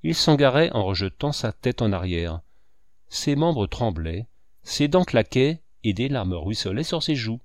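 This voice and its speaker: Man, audiobook narration, expressive and measured, dry close mic. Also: medium pitch, no room sound. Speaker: audiobook reader. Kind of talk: literary narration.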